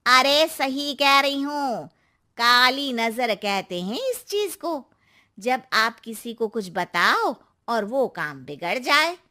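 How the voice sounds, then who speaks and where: A superstitious older neighbour auntie, voiced by a woman for an animated story. She speaks slowly and knowingly, in a high, bright voice that lingers on each warning. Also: exaggerated voice. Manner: cautionary, knowing.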